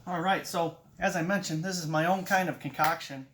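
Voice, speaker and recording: A man's voice: a little high, fairly even intonation, fairly quick, a bit bright, slight background noise. A man hosting his own cooking video, chatty and upbeat, talking through each step at an outdoor grill. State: eyes runny from grill smoke. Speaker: cooking channel host. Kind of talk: casual cooking how-to vlog.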